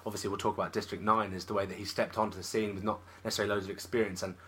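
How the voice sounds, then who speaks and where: Husky, eager film podcast host. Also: male voice, on the low side, little pitch movement, rapid-fire, a bit bright. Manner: eager, affirming, thinks aloud. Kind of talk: casual chat.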